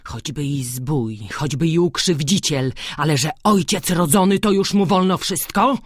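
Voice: medium pitch, unhurried, dry recording, clean studio sound, lightly acted. A reader voicing an angry, resentful young male peasant who grumbles, in an audiobook. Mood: bitter.

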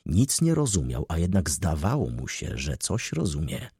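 A man reading a novel aloud as an audiobook narrator, with an expressive, lively delivery. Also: rumbling low, normal speed, breathy edge, dry recording, studio quality. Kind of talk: scripted narration.

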